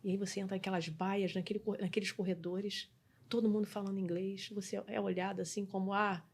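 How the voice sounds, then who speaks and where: A middle-aged woman from Brazil, a customer experience mentor, telling her story as a podcast guest in an animated way, often restarting phrases and adding tag questions. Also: medium pitch, fast talker, husky. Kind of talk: conversational interview storytelling.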